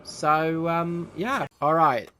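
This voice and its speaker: A man's voice: fairly high pitch, slow, pushed and bright, a little hiss or hum. A man giving casual game commentary as a channel host, chatty and prone to correcting himself.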